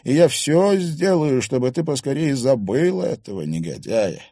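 Guy doing a sly controlling dad, fake-soft and soothing, dark husky voice. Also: mid-range voice, sing-song, moderate pace, no echo, studio quality, pitched above the performer's own voice. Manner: soothing, falsely gentle. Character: scheming middle-aged father, smooth and controlling.

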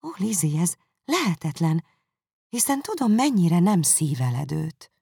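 A woman voicing a gentle, trusting young woman speaking earnestly to her sister, in an audiobook reading. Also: fairly low pitch, big pitch swings, vocal fry, slightly rough, no echo, studio quality, voice pushed up, heavily acted. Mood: disbelieving. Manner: earnest, incredulous, warm. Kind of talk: audiobook character voice.

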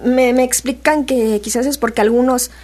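A woman's voice: fairly high pitch, steady tone, normal speed, darkish tone. Chatty woman on the radio. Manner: chatty, many fillers and restarts. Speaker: radio guest, animation workshop leader. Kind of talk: casual radio chat.

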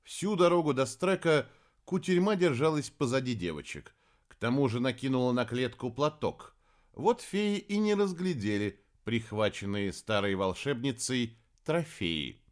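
A man narrating a children's fantasy audiobook in a lively storytelling way. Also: medium pitch, measured pace.

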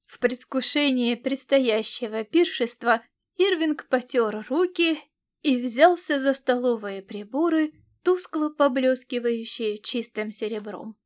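A woman narrating a science fiction adventure audiobook in a lively storytelling manner. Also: sits high, a little slow.

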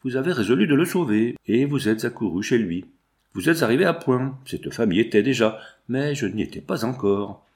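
A man's voice: medium pitch, animated, moderate pace, darkish tone, close to an everyday voice. A man reading an audiobook, voicing a cold, accusing, vengeful middle-aged magistrate. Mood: stern.

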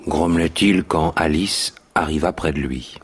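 A man narrating a children's story in a radio drama, with an even storytelling delivery. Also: a bass voice, unhurried, breathy edge.

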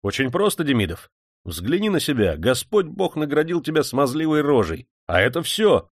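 Man doing a loud hearty young guard officer, pitched up, booming, dry audiobook sound. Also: big pitch swings, moderate pace, no echo. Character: bold, jovial young guardsman lieutenant.

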